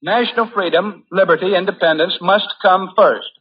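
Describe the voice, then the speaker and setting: A high-voiced man from the United States speaks at a moderate pace in a muffled, lo-fi 1940s radio recording. He is a war correspondent delivering an earnest, formal prepared speech over the air.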